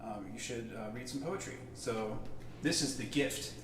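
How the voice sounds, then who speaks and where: A man hosting a casual livestream, explaining his pieces in a relaxed, rambling way, with cave-like reverb on his voice. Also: mid-range voice, moderate pace. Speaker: host and musician. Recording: echoey reverb, distant from the mic, faint hiss.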